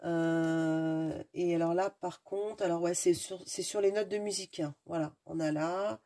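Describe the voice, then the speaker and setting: A woman's voice: lowish voice, fairly even intonation, unhurried, mellow. A woman with a stuffy nose, chatting casually and enthusiastically while unboxing, often searching for words. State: stuffy, sniffling. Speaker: craft video host.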